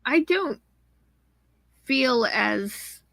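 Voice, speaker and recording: A woman's voice: high-pitched, animated, extremely slow, gravelly, a bit bright, no room sound. A woman co-hosting a casual watch party chat, enthusiastic and outspoken. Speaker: co-host, friend of the host.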